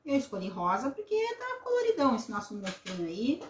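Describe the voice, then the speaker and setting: Craft host, woman in her thirties, animated intonation, casual live delivery, echoey room. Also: fairly high pitch, brisk. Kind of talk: casual live craft demonstration with chat greetings. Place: small indoor craft room at a table. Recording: roomy echo, some background noise, clicks.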